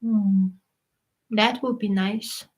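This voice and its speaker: A woman in her thirties hosting a casual live stream, chatting and answering viewers' questions, often pausing to search for words. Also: medium pitch, steady tone, poor audio. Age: 30s. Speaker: livestream host.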